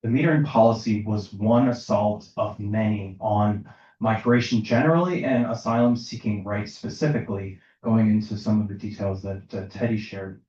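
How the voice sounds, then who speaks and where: A man's voice: on the low side, normal speed, a little mellow. A man who is a lawyer explains a legal case on a panel in an articulate, formal way. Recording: echoey, distant, dull sound.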